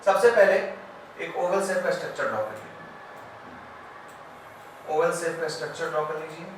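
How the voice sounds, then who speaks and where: A man teaching a biology lesson at a board. He explains step by step, asks his class if it is clear, and goes loud and then quiet as he draws. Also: on the high side, moderate pace, far from the mic. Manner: loud when explaining, quiet and trailing off while drawing. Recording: very echoey room, voice off-mic, faint background hiss.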